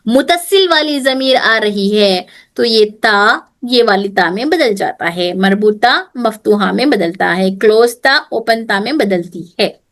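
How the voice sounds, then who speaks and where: A woman's voice: mid-range voice, animated, slow, fairly bright tone. A woman teaching an online grammar class, repeating terms and often checking that students follow, mixing in English phrases. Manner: mixes Hindi with English phrases. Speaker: Arabic teacher.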